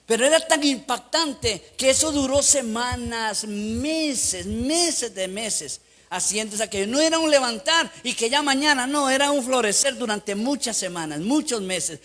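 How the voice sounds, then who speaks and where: Middle-aged male pastor, Costa Rican accent, very high-pitched voice, emphatic sermon delivery. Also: a little slow. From Costa Rica. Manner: emphatic preaching with lively anecdotes.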